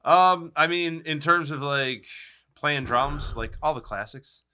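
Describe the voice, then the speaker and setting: Man, forties, drummer, halting podcast chat, bright crisp voice, dry close sound. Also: a little high, no room sound. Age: 40s. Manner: halting, many fillers and restarts.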